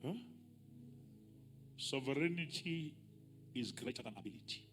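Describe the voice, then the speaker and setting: A bishop preaching a sermon at a pulpit microphone, moving between calm teaching and loud, shouted climaxes. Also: male voice, mid-range voice, measured pace. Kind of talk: sermon, mixing English and Sesotho. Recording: music playing behind.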